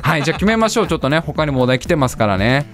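A man's voice: fairly high pitch, big pitch swings, very fast, fairly bright tone. A man hosting a live stream, chatting casually, reading out viewer answers and laughing often as he muses aloud.

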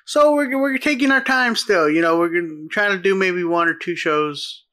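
A middle-aged man from South Texas co-hosting a casual podcast, his voice sitting a bit high and sounding bright and forceful. He rambles through his stories, restarts his sentences and laughs at himself often. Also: moderate pace. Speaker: podcast co-host. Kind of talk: casual chat.

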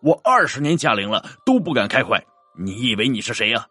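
A man's voice: mid-range voice, sing-song, brisk, sharp tone, breathy edge, dry recording, exaggerated voice. A man voicing a short-tempered middle-aged male ambulance driver, snapping back irritably. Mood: irritated.

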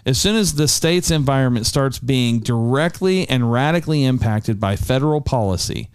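A man's voice: mid-range voice, lively intonation, normal speed, clean tone, no echo, clean studio sound. A man co-hosting a talk show, earnestly rambling through political opinions with frequent restarts. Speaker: co-host.

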